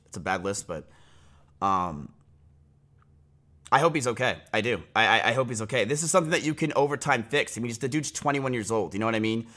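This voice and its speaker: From a small home streaming room, a livestreamer in his twenties talks a little fast, with a medium-pitched voice that sounds pushed and bright. His casual rambling is full of fillers and restarts, and he becomes heated and blunt.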